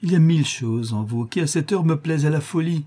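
A man reading an audiobook, voicing a frank, cheerful young woman who pleads lovingly, pitching his voice higher. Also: quick pace, mellow, slightly rough. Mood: pleading.

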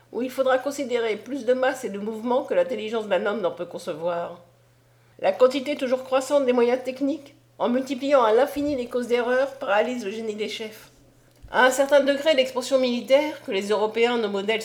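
A woman's voice: on the high side, a little mellow, close to an everyday voice. A woman reading a grave angel philosopher. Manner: measured, lecturing. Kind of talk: audiobook reading.

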